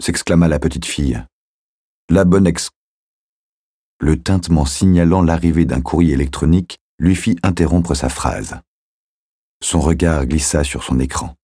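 A man reads a novel aloud in a measured, steady storytelling manner. His voice is extremely deep, dark and husky. He sits close to the mic in a dry, dead booth. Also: no room sound. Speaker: audiobook narrator. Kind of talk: scripted narration.

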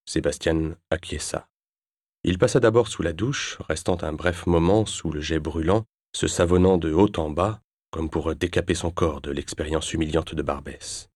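A man narrating an audiobook chapter in a measured, even reading. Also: rumbling low, no room sound, clean studio sound. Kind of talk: scripted narration.

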